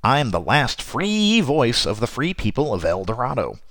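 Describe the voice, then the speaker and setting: A man playing a theatrical male radio host on a frontier broadcast, speaking with a raspy voice while he gets over a cold. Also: medium pitch, huge pitch swings, normal speed, a bit bright, no echo. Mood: showy. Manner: showy, dramatic announcer delivery. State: recovering from a cold. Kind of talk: radio drama monologue.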